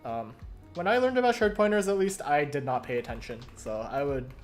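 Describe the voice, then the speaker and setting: Young adult live-coder, hoarse today, rambling and self-correcting, mid-pitched voice, light music underneath. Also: expressive, brisk. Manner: thinks aloud, self-correcting, many fillers. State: hoarse, croaky. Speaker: streamer studying compilers. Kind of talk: casual live-coding narration.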